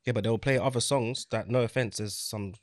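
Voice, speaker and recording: Man, London roadman accent, quick and argumentative, casual panel talk, dry close sound. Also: mid-range voice, fairly even intonation, dry recording. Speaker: music artist. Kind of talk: animated group discussion.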